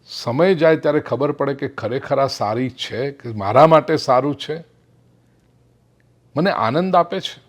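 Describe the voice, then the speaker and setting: A middle-aged man delivers a spiritual discourse at a medium pitch. He tells a parable and acts out its quoted lines. He stretches out emphatic phrases word by word. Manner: storytelling with acted quotes, slow emphatic English phrases. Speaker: spiritual speaker. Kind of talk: Gujarati spiritual discourse with storytelling.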